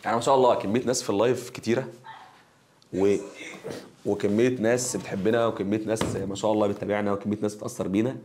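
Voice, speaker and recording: A man's voice: lowish voice, steady tone, rapid-fire, darkish tone, a little hiss or hum. A man with an Egyptian Arabic accent, a teacher chatting on the phone with students, effusive and full of blessings and jokes. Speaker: teacher hosting prize calls to students. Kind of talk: casual phone chat with students.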